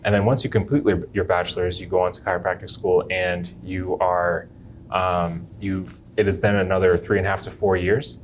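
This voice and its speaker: A young Jamaican chiropractor answers interview questions unhurriedly, frequently restarting his phrases. He has a deep voice and a level tone, and there is a little hiss or hum in the recording.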